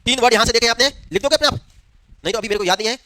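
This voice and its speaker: A man's voice: very high-pitched, very fast, background noise. A male teacher giving a classroom lecture, asking the class questions and answering them himself. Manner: quizzes the class, answers his own questions.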